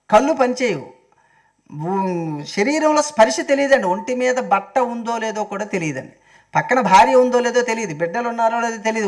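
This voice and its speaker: Male spiritual speaker, very high pitch, devotional discourse, chants verses. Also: reverberant, low-quality recording. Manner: rhetorical questions, chanted verses. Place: stage before a live audience. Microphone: handheld mic.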